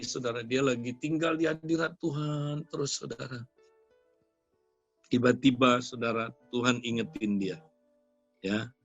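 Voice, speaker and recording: A man's voice: medium pitch, a bit bright, dry recording. Casting: older male preacher, storytelling sermon, dull dry recording with faint music under it. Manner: storytelling preaching, constantly addressing listeners as "saudara". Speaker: pastor.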